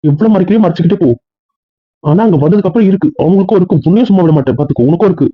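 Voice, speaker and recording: Brief: a man as a jealous, hot-tempered young husband, husky and fast-talking, heard over a tinny phone line. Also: high-pitched. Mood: angry. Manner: demanding and quick, nagging.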